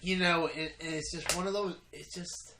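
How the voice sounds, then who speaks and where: A man's voice: a little high, fairly even intonation, normal speed. A man in casual beer chat, tipsy and emphatic, repeating himself and swearing a little. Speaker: beer reviewer. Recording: echoey room, background noise.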